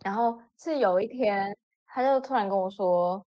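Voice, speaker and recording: A woman hosting a chatty podcast tells a story in an animated, expressive way, often leaping higher when she voices the people in it. Her voice sits in an ordinary middle range. The recording is a bit dull and lo-fi. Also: moderate pace. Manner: animated, acts out friends' lines with sudden pitch jumps. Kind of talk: casual storytelling chat. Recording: dull lo-fi audio.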